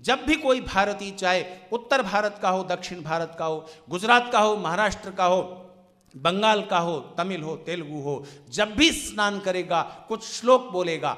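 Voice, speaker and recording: A man preaching a sermon in a large hall, with impassioned oratory that swings from loud declarations to hushed, drawn-out lines. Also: high-pitched. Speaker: Arya Samaj preacher. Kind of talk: Hindi sermon on national pride. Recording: long hall reverb.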